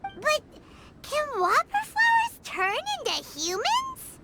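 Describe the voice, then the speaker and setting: A woman playing a tiny, excitable, childlike fairy companion in a video game, with a squeaky voice over loud music. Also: takes it slowly, heavy background noise, full character voice. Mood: baffled.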